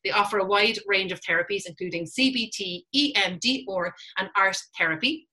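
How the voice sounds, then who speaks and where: A woman's voice: mid-range voice, fairly quick, bright, forceful tone, low-quality recording. A woman hosting an informal interview, introducing her guest and putting questions. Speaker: host, interviewer.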